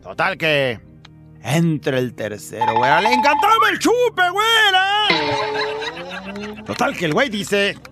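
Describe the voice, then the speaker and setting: Animated Mexican joke-telling radio host. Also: male voice, high voice, unhurried, pauses often. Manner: animated storyteller, acts out quotes. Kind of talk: telling jokes on air. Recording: loud music bed behind voice.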